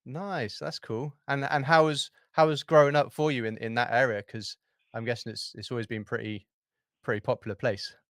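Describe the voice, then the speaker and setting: A man's voice: medium pitch, fairly even intonation, moderate pace, fairly bright tone, dry recording, studio quality. A man hosting a podcast, asking friendly, easygoing questions with plenty of fillers. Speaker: podcast host. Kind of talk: interviewing.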